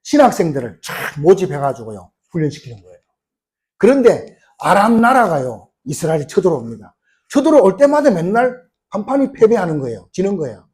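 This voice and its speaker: A middle-aged male pastor delivers an emphatic sermon in a high, highly animated voice. He keeps throwing rhetorical questions at the congregation. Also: brisk.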